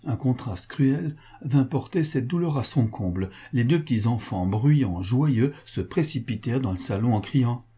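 A man narrating a classic novel as an audiobook in a measured, dramatic reading. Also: medium pitch, expressive, mellow, breathy edge. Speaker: audiobook reader.

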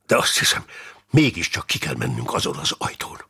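A man's voice: a bass voice, huge pitch swings, gravelly, pushed and bright, slightly rough, voice pushed down, full character voice. A man voicing a brave, battle-hardened medieval knight who gives urgent commands in an audiobook. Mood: grim.

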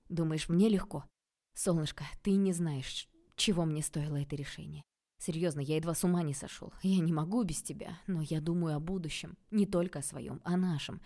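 Woman voicing a soft-spoken guilty young man. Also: low voice. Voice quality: quiet, hushed.

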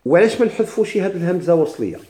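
A man with a Moroccan Arabic accent teaches a recitation lesson at a brisk clip. His voice sits a little high and sounds dark and mellow. He breaks off and restarts words as he spells them out, then asks the class questions. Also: lively intonation. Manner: repeats words slowly, with many restarts. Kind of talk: classroom lesson explaining a text.

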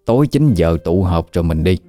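A man voicing a sharp-tongued old village shaman woman who gives stern commands. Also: low-pitched, expressive, fairly quick, no room sound, faint music behind.

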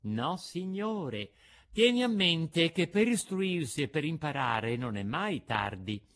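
A man voicing a gentle, patient motherly fairy woman in a storybook reading, soft, measured and admonishing. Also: a little high, very animated, voice pushed up, heavily acted.

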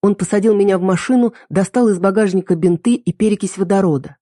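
A woman's voice: medium pitch, fast talker, mellow, no echo, clean studio sound. A woman narrating a first-person story dramatically as an audiobook reader.

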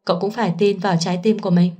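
Woman reading a gentle comforting young man. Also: mid-range voice, fairly even intonation, racing, lightly acted. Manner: soft, soothing. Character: gentle, kind young male friend.

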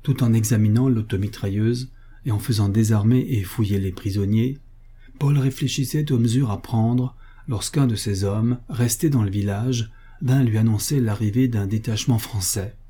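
Male audiobook narrator, steady measured read, very dark and husky. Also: fairly low pitch. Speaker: audiobook reader.

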